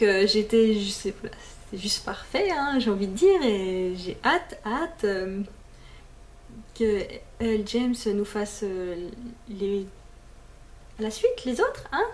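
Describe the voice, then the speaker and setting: A woman vlogging at home in a relaxed, rambling way, full of fillers and restarts and the odd English word. Her voice sits at an ordinary middle pitch. A faint hiss hangs under the recording. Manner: chatty, many fillers and restarts, mixes in English words. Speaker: beauty vlogger. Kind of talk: casual chat to camera.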